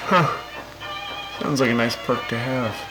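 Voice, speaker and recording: A man takes on the role of a swaggering, opinionated radio host in a fan radio drama, needling guests with lively jokes and speeches against background music. His voice is medium-pitched and close to everyday speech, slow-paced, and the recording is rough.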